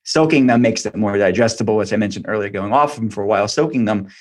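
A functional medicine practitioner and author appears as an expert interview guest, giving health advice in an informal, conversational way. His voice is fairly low and his pace quick.

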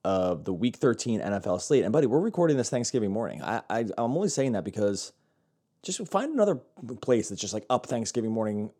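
A man's voice: fairly low pitch, very animated, brisk, dark tone, breathy edge. A man hosting a sports podcast, chatting casually and rambling with many restarts. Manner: rambling, self-correcting, upbeat. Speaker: podcast host.

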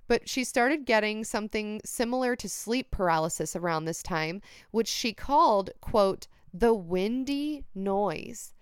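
A woman with a very clear, smooth voice talks as a hungover podcast co-host. She chats casually and reads out listener emails, recorded close and dry. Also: mid-range voice, normal speed, few pauses, no echo. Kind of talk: casual chat, reading listener emails aloud.

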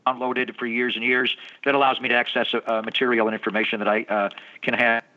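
A man in his fifties talks over a muffled, lo-fi phone line that keeps cutting in and out. He explains things in a matter-of-fact, step-by-step way, like the sports play-by-play broadcaster he is. His voice sits at an ordinary mid pitch. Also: little pitch movement, quick pace, sharp tone. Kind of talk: phone interview.

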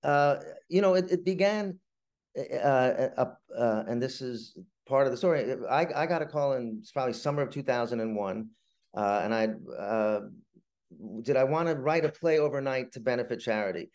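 A playwright in middle age answers interview questions with stories, speaking loosely and haltingly, frequently repeating himself. His voice is mid-range and a little mellow.

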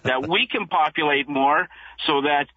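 Male caller on speakerphone, tinny phone line, higher voice, talks over the hosts. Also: a little slow, pushed and bright, dry recording. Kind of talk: call-in radio talk.

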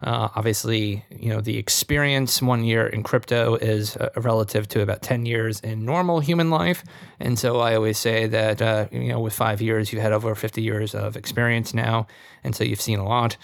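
A man's voice: on the low side, steady tone, normal speed, vocal fry, no room sound, clean studio sound. A man hosting a podcast interview over a remote call, upbeat and enthusiastic, leaning on "and so" as he talks. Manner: upbeat, enthusiastic, many fillers like "and so". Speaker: podcast host.

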